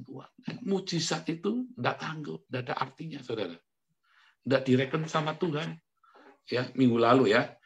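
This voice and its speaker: A man preaching a sermon in an easy, conversational way, as if chatting with the congregation and often turning to address them directly. He laughs at himself as he goes. His quiet asides give way to sudden loud outbursts. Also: mid-range voice. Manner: self-mocking, laughs as he talks. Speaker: pastor.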